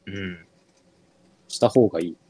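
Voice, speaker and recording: A man from northern Kyushu, Japan, co-hosting a podcast in relaxed, chatty conversation, often trailing off and restarting. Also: low voice, a little slow, slightly rough, no room sound. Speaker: podcast co-host. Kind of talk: casual chat.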